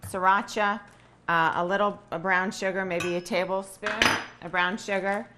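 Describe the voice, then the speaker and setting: A woman co-hosting a casual comedy cooking segment, giving quiet, dry, brief answers. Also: medium pitch, steady tone, normal speed, very noisy. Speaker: co-host of a mock cooking segment.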